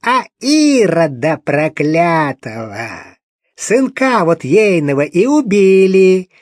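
A man voicing a gaunt, hostile old churchgoing woman with a creaky, grating voice and rustic old-fashioned speech. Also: sits high, very animated, a little slow, no echo, voice pushed up, exaggerated voice. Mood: suspicious.

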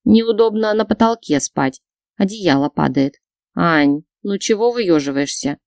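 Woman voicing a brash blunt young woman friend, low mellow voice, dry sound. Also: animated, measured pace, no room sound.

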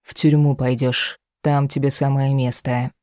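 A cruel husband from an audiobook snaps his threats harshly, read by a woman. His voice is low and dark. The recording is dry and close. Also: level tone, a little slow, no room sound. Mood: harsh anger. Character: cruel angry husband, a grown man. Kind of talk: audiobook character reading.

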